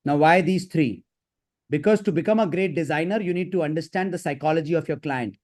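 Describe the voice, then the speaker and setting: A man with an Indian accent giving live career advice as a counsellor, in a brisk, instructive and emphatic manner. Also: a little high, a little mellow. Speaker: career counsellor hosting a session. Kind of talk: live advisory session.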